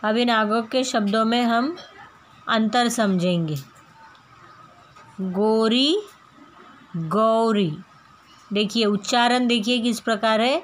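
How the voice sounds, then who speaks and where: A woman teaching young children to read, slowly repeating and stretching words to model their pronunciation. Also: a little high, fairly even intonation, slight background noise. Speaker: primary school teacher. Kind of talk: slow, careful phonics lesson.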